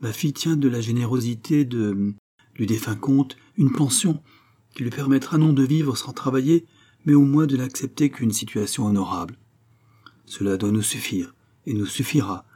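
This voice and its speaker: A man's voice: mid-range voice, dark tone, slightly rough, lightly acted. A man reading as a dignified weary mother. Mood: dignified resigned. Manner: dignified, resigned, measured. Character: dignified, weary widowed mother, aged before her time.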